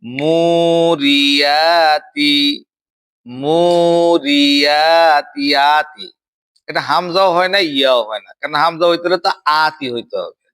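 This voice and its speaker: A young man teaching Quran recitation, chanting verses slowly and then explaining pronunciation with quick questions to a student. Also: a little high, expressive, pushed and bright. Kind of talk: Quran recitation drill lesson.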